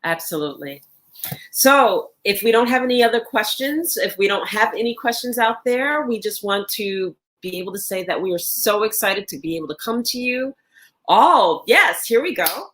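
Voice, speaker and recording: A woman's voice: medium pitch, expressive, normal speed, a bit bright. A woman co-hosting a wellness podcast, affirming her partner and urging listeners to shift their point of view. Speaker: podcast co-host, wellness presenter. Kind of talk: motivational podcast talk.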